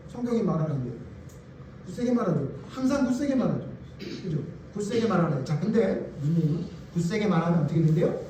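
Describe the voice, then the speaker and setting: High-voiced pastor preaching in an echoey hall. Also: male voice, a little mellow, far from the mic, a little hiss or hum. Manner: emphatic, fires rhetorical questions at the congregation. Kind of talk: sermon.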